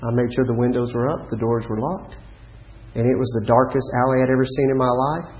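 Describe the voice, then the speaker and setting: A middle-aged man, preaching a sermon through a personal story, lively in the telling and dropping quiet to drive a point home. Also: medium pitch, brisk, muffled recording. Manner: animated storyteller, drops to quiet emphatic lines.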